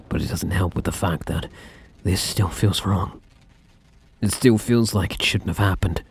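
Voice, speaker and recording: A man playing a possessive, lovesick ex-boyfriend in an ASMR role-play, speaking intensely and defensively to the listener with dramatic pauses. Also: low-pitched, a little mellow, slightly rough, full character voice. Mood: hurt, pleading. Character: possessive, obsessive ex-boyfriend, self-justifying and lovesick.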